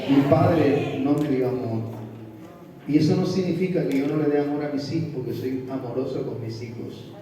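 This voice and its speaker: A man's voice: medium pitch, normal speed, warm tone, a little hiss or hum. A man preaching a sermon, calling out to the congregation and prompting amens. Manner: call-and-response, prompting amens. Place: large hall. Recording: echoey hall from far off.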